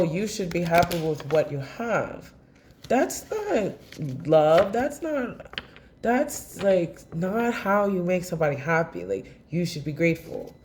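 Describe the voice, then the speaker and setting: A woman's voice: on the low side, darkish tone, a little hiss or hum. A woman reads tarot straight to camera in a loose, rambling monologue. She is blunt and impassioned, and she swears freely. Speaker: tarot reader. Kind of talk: casual tarot reading monologue.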